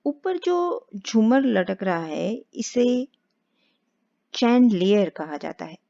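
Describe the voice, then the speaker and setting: A woman teaching spoken English step by step, patient and slow on the English examples. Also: medium pitch, animated, creaky, warm tone. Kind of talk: explaining spoken English lesson. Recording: dull lo-fi sound.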